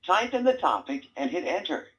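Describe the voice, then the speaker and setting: These toy voice lines come from a man with a high, fairly bright voice that swings widely in pitch as he speaks briskly. He plays a wisecracking male brain robot that teases and sarcastically quizzes its owner in a bossy way, on a rough recording.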